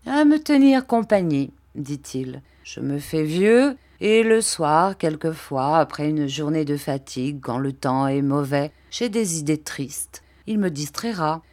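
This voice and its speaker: A woman's voice: deep voice, unhurried, hardly any pauses, a little mellow. A woman voicing a shrewd, mocking old traveling showman in a storybook reading. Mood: wistful.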